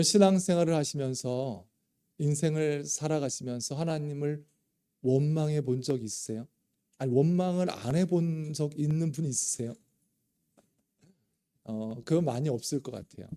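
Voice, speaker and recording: A middle-aged male pastor preaching, his voice a touch high and warm in tone. He speaks conversationally to the congregation and slips into heated, dramatic readings of prayers. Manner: emotive, dramatizing quoted prayers with rising intensity. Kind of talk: sermon.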